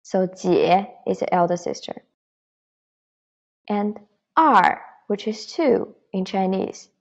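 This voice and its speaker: A woman's voice: medium pitch, takes it slowly, creaky, muffled recording. A woman teaching a beginner Mandarin lesson online, patiently modelling syllables and repeating them for learners to copy.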